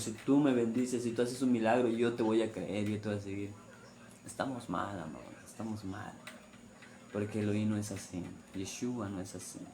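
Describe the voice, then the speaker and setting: Male preacher, low-pitched, emphatic and repetitive, light background ambience. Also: background noise. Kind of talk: sermon on the weekly Torah portion.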